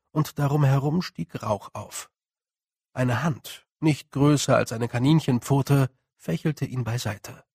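A man narrating a storybook calmly and evenly at an unhurried, deliberate pace. His voice is husky, with a gravelly edge to it. The recording is dry, with no room sound. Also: mid-range voice, no room sound. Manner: calm, measured storytelling. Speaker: audiobook narrator. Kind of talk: scripted narration.

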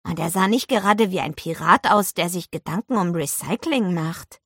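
A woman voicing a lively, friendly young boy who calls out excitedly in an audiobook. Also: on the low side, moderate pace, breathy edge, no echo, studio quality. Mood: thoughtful. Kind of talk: audiobook character voice.

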